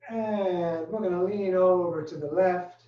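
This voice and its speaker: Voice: medium pitch, fairly even intonation, a little slow. A yoga instructor leading a live class, calling out poses and breathing cues one step at a time, a little out of breath from talking through the flow. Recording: dull, roomy sound from far off.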